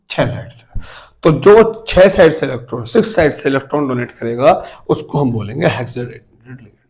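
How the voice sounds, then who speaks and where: A man teaches chemistry in a fairly high voice. He keeps asking his students questions and counts aloud, step by step, as he draws. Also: low-quality recording. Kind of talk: classroom lecture.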